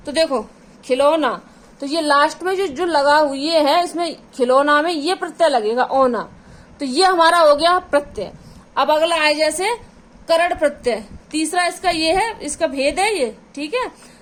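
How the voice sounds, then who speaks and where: A woman's voice: high-pitched, a little slow. A woman teaching a step-by-step exam-prep grammar lesson, repeating key points as she explains.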